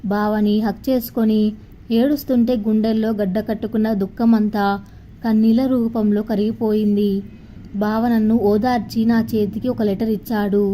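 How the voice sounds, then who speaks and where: Woman narrator, warm tone, tender, emotional story reading. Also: medium pitch, little pitch movement, moderate pace, a little hiss or hum.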